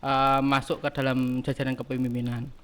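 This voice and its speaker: A man in his early twenties, a student leader answering podcast questions in a halting way, often pausing to search for words. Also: medium pitch, little pitch movement. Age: early 20s. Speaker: guest, student council chairman. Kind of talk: casual podcast interview.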